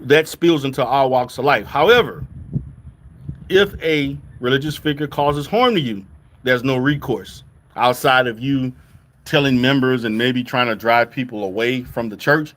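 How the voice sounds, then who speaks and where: A man's voice: mid-range voice, normal speed, fairly bright tone. Louisiana-raised man, emphatic with many restarts. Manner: repetitive restarts, emphatic "okay?" check-ins. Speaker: therapist. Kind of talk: casual commentary to viewers.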